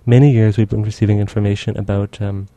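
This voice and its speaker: Low, mellow-voiced male radio host. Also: level tone, no echo, dull audio. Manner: halting, many fillers. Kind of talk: hosted radio interview.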